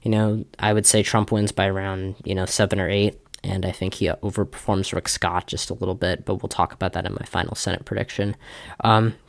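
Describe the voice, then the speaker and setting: Low-voiced young man, casual political commentary. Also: level tone, brisk, vocal fry, dry recording. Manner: casual, many fillers and restarts. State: slightly out of breath. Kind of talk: election prediction commentary.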